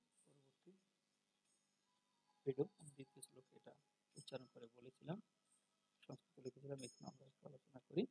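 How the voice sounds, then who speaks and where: A man teaching Sanskrit pronunciation, explaining in plain talk and then chanting words slowly and loudly. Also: medium pitch, flat delivery, creaky, breathy edge, poor audio. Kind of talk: spoken lesson on verse pronunciation.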